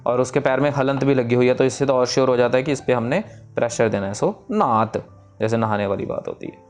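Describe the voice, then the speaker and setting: A man giving a pronunciation lesson, explaining each sound and then reciting the lines slowly and drawn out. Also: mid-range voice, fairly even intonation, a little mellow, soft background music. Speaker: Gurbani recitation teacher.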